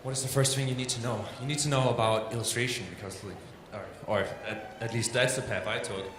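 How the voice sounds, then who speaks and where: In a large, echoing space with long reverb, a Danish man talks informally in English with an accent from home, filling his speech with "um" and "like" and poking fun at himself. His pitch is medium and his pace fast. Steady background hiss is present throughout.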